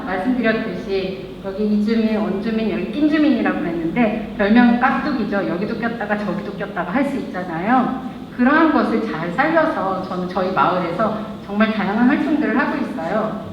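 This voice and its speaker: On stage in an echoey event hall, a local brand's founder chats and trades jokes with the crowd, her voice medium in pitch. The live recording is lo-fi, carrying a little hiss or hum.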